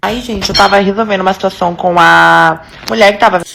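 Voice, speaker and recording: Fast-talking indignant woman. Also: medium pitch, gravelly, background noise. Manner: indignant, animated retelling. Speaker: influencer telling her story. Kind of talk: recounting an incident to the camera.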